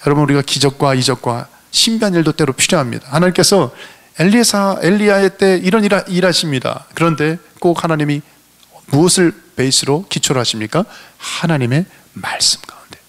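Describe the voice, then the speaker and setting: A male senior pastor preaching fervently, asking rhetorical questions and swinging between loud, high appeals and low, quiet asides in a church. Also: fairly quick. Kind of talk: sermon. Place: church sanctuary.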